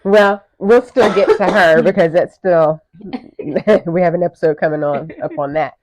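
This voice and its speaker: A woman in her thirties, co-hosting a podcast and telling a personal story in a candid, animated way. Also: on the low side, normal speed. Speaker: podcast co-host. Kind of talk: casual chat. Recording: muffled lo-fi audio.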